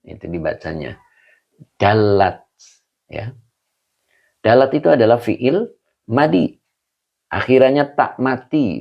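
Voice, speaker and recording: A man's voice: lowish voice, creaky, muffled recording. A man teaching Arabic grammar in an online class, greeting viewers by name between his explanations.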